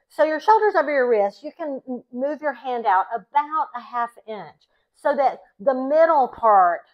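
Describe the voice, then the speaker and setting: A woman yoga instructor leading a class in calm, encouraging, short step-by-step cues timed to the breath. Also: a little high. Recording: dull, lo-fi sound.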